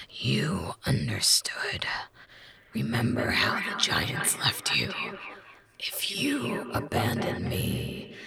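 A woman voicing a sinister ancient cursed mask in a slow, menacing whisper. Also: a bass voice, gravelly, sharp tone, pitched below the performer's own voice, full character voice. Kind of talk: fan audiobook character voice.

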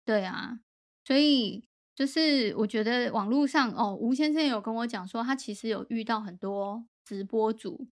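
Woman co-host, slightly high voice, casual and animated storyteller. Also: normal speed. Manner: animated storyteller, mixes in English words. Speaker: podcast co-host. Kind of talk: casual chat.

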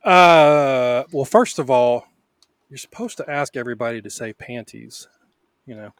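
A man's voice: medium pitch, animated, measured pace, no echo, clean studio sound. A man as a podcast guest, playful in casual chat, with stumbling restarts.

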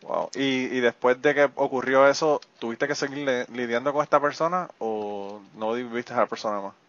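A man's voice: medium pitch, normal speed, a bit bright, highs cut off. Frank man hosting a podcast. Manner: frank, swears casually, reflective. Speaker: podcast host. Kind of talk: candid interview chat.

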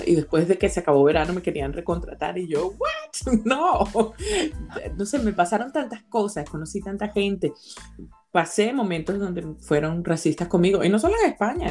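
A woman's voice: sits low, dark tone. A woman from Venezuela with a Venezuelan accent, chatting casually and laughing often. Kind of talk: casual chat.

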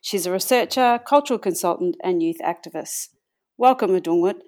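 A woman's voice: lowish voice, brisk, darkish tone, slight background noise. A woman hosting an interview, introducing her guest and asking brief, friendly questions. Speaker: podcast host.

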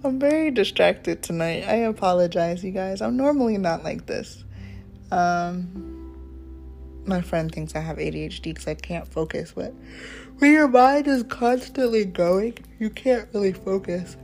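A woman in her twenties hosting a casual faith-based podcast, talking in a relaxed, rambling way with many ums and asides. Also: mid-range voice, a little slow, gravelly, faint music behind. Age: 20s. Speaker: podcast host.

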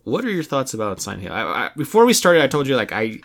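A young adult man hosts a casual video game podcast. He rambles, starts sentences over and fills gaps with "like" and "uh," his voice sitting in an ordinary middle pitch. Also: sing-song, fast, a bit bright. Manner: rambling, many restarts and fillers. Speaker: podcast host.

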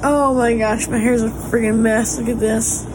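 This woman, a family vlogger with a Southern US accent, chats with viewers at a normal pace and fairly even intonation. She comes across as drawling, folksy and encouraging, though the handheld recording is noisy and carries a vehicle's rumble.

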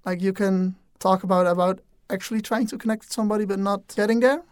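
This young adult international exchange student from the Netherlands, a native Dutch speaker with a Dutch accent, talks casually and thoughtfully on a student podcast, hesitating a lot with "um"s and restarts. Her mid-range voice is darkish yet clean, quick, and fairly even in intonation, captured as a dry, clean studio recording.

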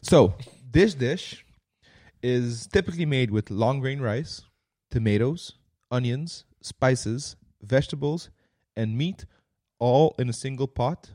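A young man from Curaçao, co-hosting a casual chat, animated and playful, swearing freely. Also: medium pitch, slow pace. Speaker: podcast co-host.

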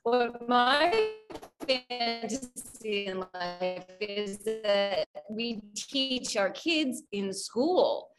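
A woman appears as the guest expert in an interview, explaining her points earnestly and at length. Her voice sits a little high. She lays out one idea after another in a steady flow. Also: very slow, soft background music, low-quality recording.

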